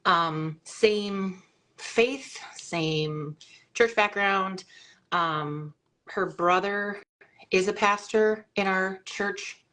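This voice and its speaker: A woman's voice: medium pitch, drawn-out words, fairly bright tone. Chatty woman hosting a live call. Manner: rambling, chatty, many fillers and restarts. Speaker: host of a live video chat. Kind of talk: casual live-stream chat. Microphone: video call.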